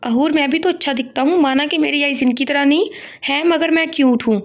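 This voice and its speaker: A woman's voice: sits high, brisk, close to an everyday voice. A woman reading aloud as a clingy, sulky little boy in a novel, with a whiny, pleading manner.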